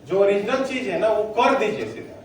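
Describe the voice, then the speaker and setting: A man leading a motivational sales training on stage, energetic and drilling his audience to answer loudly. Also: sits high, normal speed, a little hiss or hum. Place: hall with a stage. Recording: very echoey hall, voice from far off.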